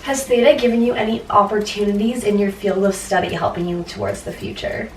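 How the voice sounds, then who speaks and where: A woman's voice: medium pitch, a little fast. A young woman chatting casually as a sorority sister asking questions. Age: young adult. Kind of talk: casual chat. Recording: roomy, distant mic, clear noise.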